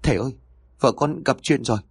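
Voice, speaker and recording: A man's voice: deep voice, expressive, fairly quick, husky, dry recording. A man voicing a terrified young husband who stammers and shakes. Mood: panicked. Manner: stammering, shaky.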